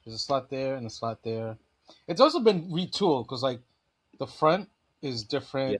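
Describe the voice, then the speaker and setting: A man hosting a casual podcast chat about collectible toys. His throat is phlegmy and he clears it often, and he talks in an easygoing, chatty way with lots of fillers. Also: mid-range voice, sing-song, moderate pace. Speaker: podcast host.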